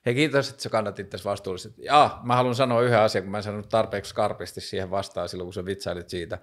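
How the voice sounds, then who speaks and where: A man hosting a casual interview, asking calm, probing questions. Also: on the low side. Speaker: host.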